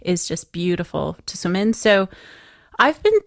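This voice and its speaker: A woman's voice: lowish voice, very animated, a little slow, gravelly, a bit bright, dry recording, clean studio sound. A woman chatting candidly as a podcast guest, laughing often. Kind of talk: casual podcast chat.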